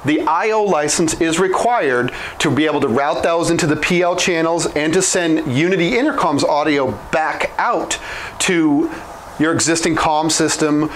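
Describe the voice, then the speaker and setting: An Oklahoma man in his thirties, a product trainer, explains software licenses at a whiteboard. He talks fast and informally with a somewhat high voice, often restarting and correcting himself. He's on a lapel mic in a small room, with slight background noise.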